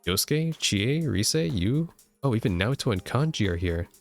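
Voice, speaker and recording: A man's voice: medium pitch, very animated, moderate pace, faint music behind. A man giving casual gaming commentary and reading story text aloud as he plays. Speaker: let's play streamer.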